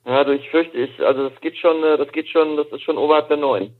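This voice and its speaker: A man chats casually as a podcast co-host. He talks quickly, and his voice comes through thin and narrow, like a low quality stream over a phone line. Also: steady tone. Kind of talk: casual podcast chat about a TV series.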